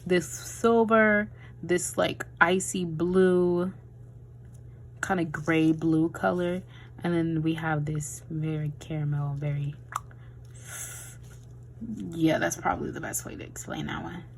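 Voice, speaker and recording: A woman's voice: sits low, fairly even intonation, takes it slowly, pauses often, slight background noise, rough recording. A woman in her twenties chatting casually while swatching nail gels, with a tired voice and a rambling, chatty way of talking. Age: 20s. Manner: chatty, rambling, says "y'all". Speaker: beauty vlogger.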